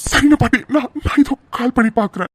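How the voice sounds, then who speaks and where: A woman voicing a gentle young man in a cartoon, pleading and reassuring. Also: fairly high pitch, fast talker, slightly rough, voice pushed down. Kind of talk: cartoon voice acting.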